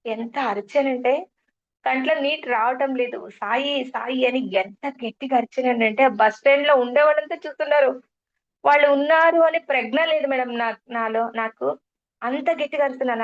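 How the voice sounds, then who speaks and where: A middle-aged woman gives an earnest spiritual testimony, repeating herself often and addressing the interviewer as madam. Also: fairly high pitch. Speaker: guest sharing a spiritual testimony. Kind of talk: earnest personal storytelling. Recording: muffled lo-fi recording.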